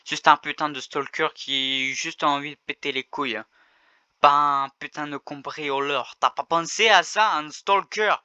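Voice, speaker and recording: A young man casually commenting on videos as a streamer, swearing, joking and exclaiming loudly. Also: a little high, a little slow, smooth, dry recording, lo-fi sound. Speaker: gaming streamer reacting to videos.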